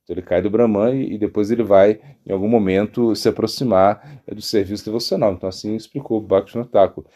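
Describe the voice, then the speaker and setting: A man's voice: on the low side, fast, hardly any pauses. A man, a monk giving a spiritual talk, telling a story with many restarts and tag questions. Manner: animated storyteller, frequent "né?" and restarts. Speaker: monk teaching devotional philosophy.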